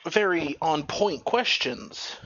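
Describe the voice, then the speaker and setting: A man's voice: fairly high pitch, expressive, slow, fairly bright tone, dry recording. A man narrating as game master of a tabletop game, loose and chatty with many fillers. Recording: dull, muffled mic sound.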